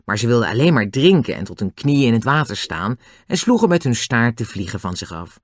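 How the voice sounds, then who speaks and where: A narrator reading a children's storybook aloud. The delivery is expressive, with a pitch that rises and falls a great deal. The recording is dry and close. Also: brisk, dry recording. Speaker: audiobook narrator.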